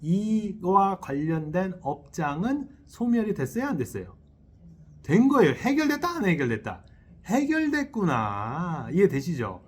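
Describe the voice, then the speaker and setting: A Buddhist monk gives a dharma talk in a temple hall, his high, breathy voice moving at an unhurried pace. He's lively, questioning his listeners and checking in with them often, and he chuckles as he acts out little inner voices. It's a sermon captured on a selfie-style camera.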